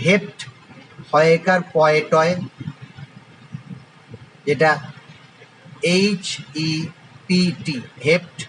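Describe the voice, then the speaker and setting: A high-pitched man with a Bengali accent teaches a classroom chemistry lesson. He spells out terms letter by letter and poses questions before answering them. Faint noise sits under his voice. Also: steady tone, very slow, long pauses, fairly bright tone, low-quality recording. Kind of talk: classroom lecture.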